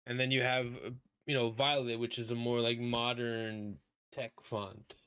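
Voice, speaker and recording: A man's voice: medium pitch, level tone, a little slow, bright, forceful tone, clear, resonant tone, no room sound, studio quality. A man hosting a casual podcast chat over a voice call, rambling with lots of fillers. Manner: rambling, filler-heavy talk. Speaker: podcast host. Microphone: computer mic on a voice call.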